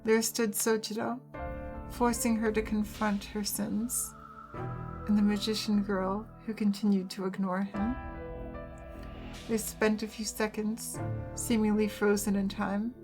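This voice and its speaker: A woman's voice: medium pitch, little pitch movement, measured pace. A woman hosting a let's play, reading a visual novel's story narration aloud. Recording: game music under the voice.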